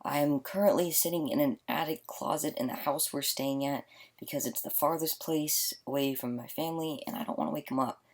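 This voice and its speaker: Sleepy teen guy mumbling softly, talking low so he won't wake anyone, cramped closet. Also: fairly even intonation, brisk. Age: late teens. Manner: mumbling, quiet to avoid waking others. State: tired, yawning. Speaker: vlogger. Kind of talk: casual video diary. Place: small attic closet in a house.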